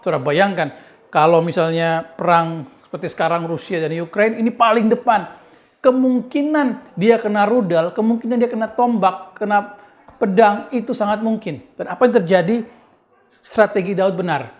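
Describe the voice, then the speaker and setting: A male pastor preaching at an online youth service, telling stories in a lively, casual way. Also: high-pitched, normal speed. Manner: lively storytelling preacher, casual slang mixed with English words.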